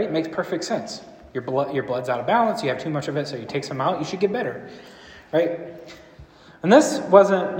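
A man teaching a group in a casual, rambling way, often asking the room questions. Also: on the high side. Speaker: church speaker teaching a series. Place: large room with a live audience. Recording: echoey hall with long reverb.

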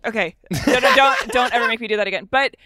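A woman's voice: a little high, sharp tone, dry recording, studio quality. A woman in her thirties, a stand-up comedian guesting on a podcast inside a van, blunt and teasing. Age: 30s. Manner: blunt, teasing, quick to laugh. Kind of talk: casual chat.

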